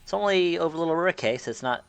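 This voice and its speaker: Male co-caster, gravelly voice with lots of fry, relaxed and easygoing. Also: a little high, rapid-fire. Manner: relaxed, easygoing, laughs often. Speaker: esports co-caster. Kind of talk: color commentary.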